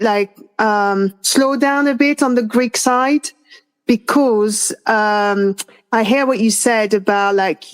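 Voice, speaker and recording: A woman from France in her thirties, co-hosting a casual chat, speaking hesitantly with many fillers and restarts. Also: mid-range voice. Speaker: podcast co-host.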